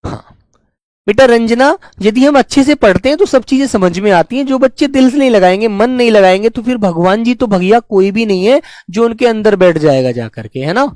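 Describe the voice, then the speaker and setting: A man's voice: sits high, expressive, brisk, a little mellow, no echo. A man teaching an online spelling lesson to exam students, talking in a coaxing, repetitive teacherly way.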